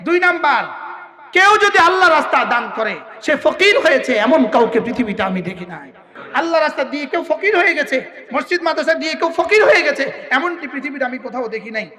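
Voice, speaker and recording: A man preaching an impassioned sermon, repeating phrases for emphasis and chanting Arabic verses slowly. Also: very high voice, expressive, sharp tone. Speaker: Islamic preacher. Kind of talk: waz sermon. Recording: echoey hall.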